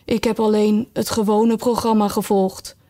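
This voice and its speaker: A woman's voice: medium pitch, flat delivery, mellow, lightly acted. A woman doing a sighing, mournful Mock Turtle. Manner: slow, sobbing, self-pitying.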